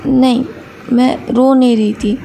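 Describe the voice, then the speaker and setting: A woman doing a shy young college girl who halts and trails off. Her voice is high and gravelly, with a dark, mellow tone. It is read for a fan storybook. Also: steady tone, slight background noise, heavily acted. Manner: hesitant, halting. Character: shy tearful young female college student.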